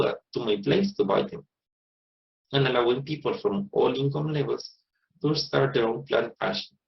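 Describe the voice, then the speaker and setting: A Costa Rican man in his thirties, a native Spanish speaker with a Costa Rican accent, gives a prepared personal narration as the owner of a plant nursery. His voice is medium-pitched and gravelly, and the audio sounds dull.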